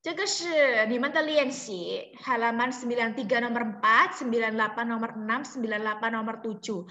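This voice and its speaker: A woman teaching a Mandarin class over a video call, explaining slowly and repeating examples. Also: on the high side, bright, forceful tone. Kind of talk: online class lesson. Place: home room on a video call. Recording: echoey room with long reverb.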